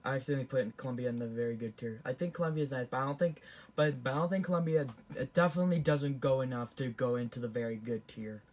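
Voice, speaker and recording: A man's voice: mid-range voice, fast talker, darkish tone. A teenage boy giving casual, rambling commentary as he ranks things on a tier list, often restarting and correcting himself. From Canada. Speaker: vlogger.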